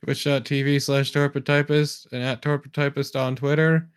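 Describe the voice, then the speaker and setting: A man's voice: mid-range voice, flat delivery, moderate pace, smooth. A man co-hosting a casual podcast, dropping wry, profane quips. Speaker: podcast co-host. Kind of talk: casual chat.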